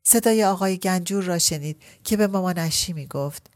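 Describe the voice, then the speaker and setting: A woman narrating a literary story as an audiobook, reading at a measured pace. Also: lowish voice, darkish tone.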